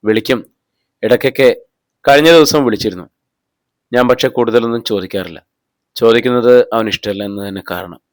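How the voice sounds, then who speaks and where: A man's voice: mid-range voice, brisk, long pauses, no echo, natural voice. A man reading the lines of a middle-aged mother under police questioning, defending herself and growing indignant. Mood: evasive. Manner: defensive, voice rising when accused.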